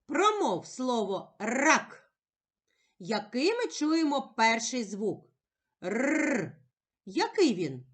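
A woman teacher giving a slow, clear reading lesson to young children, stretching out the sounds in a sing-song way. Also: fairly high pitch, big pitch swings. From Ukraine.

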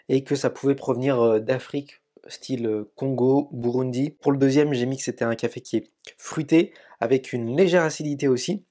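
A man's voice: medium pitch, a little mellow. A man in his thirties, a coffee YouTuber, chatting casually as he tastes and describes coffees in a small home studio, with many fillers and hesitations. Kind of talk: casual coffee tasting vlog.

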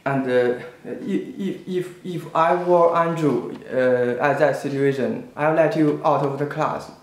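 Slightly high-voiced, a male student speaks slowly and haltingly to camera about a personal experience, full of fillers and restarts and sounding indignant. The room echoes, with faint noise in the background.

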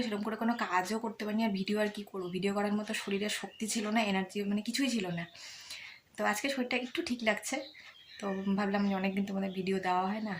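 A woman's voice: medium pitch, a little hiss or hum. A woman vlogger greeting her viewers in casual chat, apologetic and recovering from illness. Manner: chatty, apologetic, with fillers. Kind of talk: casual vlog intro.

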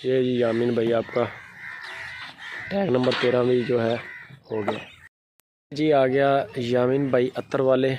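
A man in his thirties with a Pakistani Urdu accent and a mid-range voice chats casually as he walks around the livestock at an outdoor cattle farm, narrating on site. It was recorded on a handheld phone camera, with background noise.

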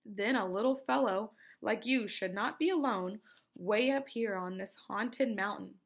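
A woman reading aloud, voicing a bossy, chatty little old woman who scolds briskly. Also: medium pitch, husky.

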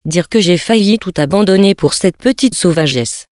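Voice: medium pitch, animated, normal speed, a little mellow, no echo, studio quality, close to an everyday voice. A reader voicing a cold, self-satisfied young French officer who speaks curtly and dismissively, in a storybook reading. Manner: curt, dismissive.

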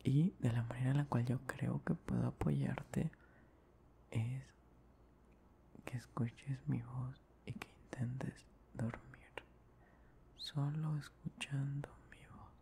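A man's voice: medium pitch, steady tone, creaky, dark tone, a little hiss or hum. A young man playing an affectionate boyfriend in an ASMR whispered role-play, murmuring tenderly and breathily to soothe his partner to sleep. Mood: caring, reassuring. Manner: slow, tender, repetitive murmuring. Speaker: ASMR performer.

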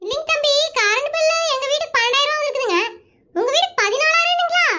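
A woman voicing a nosy, gossiping village neighbor in a cartoon, excitable in manner. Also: rapid-fire. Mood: gossipy. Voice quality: very high squeaky cartoon voice.

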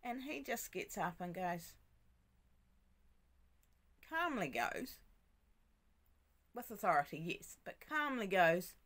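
Slow, bright-voiced woman musing on faith. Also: medium pitch, very animated. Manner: gentle, often drops to a soft near-whisper; many fillers and restarts, reflective. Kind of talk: casual devotional talk.

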